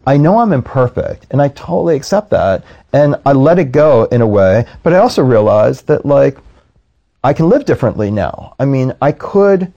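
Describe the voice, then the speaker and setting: A man's voice: mid-range voice, big pitch swings, moderate pace, vocal fry, dark tone, muffled recording. A man speaking as a rabbi in a reflective conversation, earnest, slipping into quoted voices as he tells stories.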